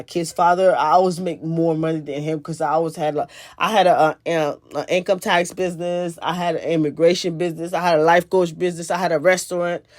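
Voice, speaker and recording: A woman's voice: lowish voice, dry recording, clean studio sound. Woman sharing a spiritual testimony. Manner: earnest, conversational, repeats phrases for emphasis. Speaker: spiritual video host. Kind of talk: personal testimony storytelling.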